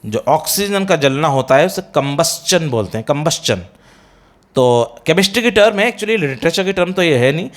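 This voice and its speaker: A man teaching English pronunciation, mixing Hindi and English and slowly repeating words and spellings in an Indian English accent. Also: on the high side, animated. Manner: slow, drawn-out repetition of words and spellings. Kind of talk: pronunciation lesson.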